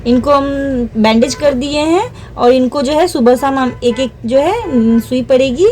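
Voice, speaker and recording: A woman voicing a brisk, matter-of-fact lady doctor doll in a homemade doll story, giving instructions. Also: sits high, expressive, darkish tone. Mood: instructing.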